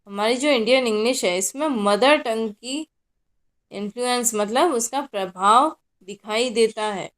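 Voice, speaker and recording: A woman's voice: a little high, unhurried. A young woman college lecturer with a Hindi accent, teaching a class in a mix of Hindi and English and answering her own questions.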